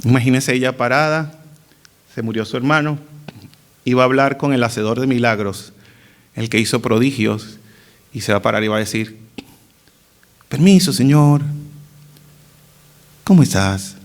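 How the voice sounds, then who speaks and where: A man preaching a sermon in church, acting out quoted lines with dramatic cries and hushed asides. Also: medium pitch, steady tone, brisk, long pauses.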